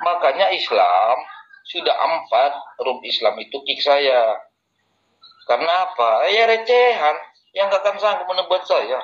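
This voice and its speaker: A pastor arguing in a heated online debate, boastful and insulting. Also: male voice, fairly high pitch, animated, unhurried, a bit bright. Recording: muffled lo-fi voice chat audio.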